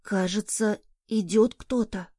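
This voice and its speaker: A woman's voice: mid-range voice, slightly rough, no room sound, studio quality. Small anxious boy, as a woman puts him on. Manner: hushed, halting child's speech. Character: young boy, small anxious but eager son.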